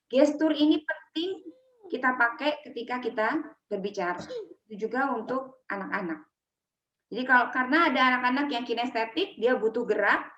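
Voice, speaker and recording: A woman teaching public speaking for children to parents in a lively workshop talk, demonstrating intonation as she explains. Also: on the high side, echoey room, muffled recording.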